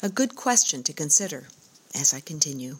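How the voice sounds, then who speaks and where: A woman narrating her own outdoor journal in a calm, descriptive, reflective first-person way. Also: low-pitched, fairly quick, a little hiss or hum, poor audio.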